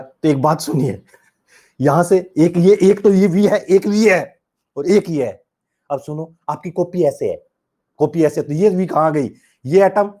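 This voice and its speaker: A male chemistry teacher lecturing with lots of energy. His voice is mellow and warm, and it swings from loud, excited bursts to low, muttered asides. He often slips into acting out what his students say. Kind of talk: animated classroom lecture.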